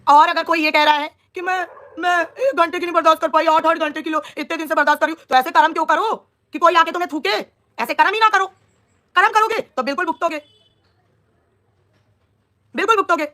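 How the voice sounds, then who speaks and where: A woman's voice: very high voice, fairly even intonation, quick pace, sharp tone. A young woman on a live stream, scolding and taunting a rival in an angry, combative rant.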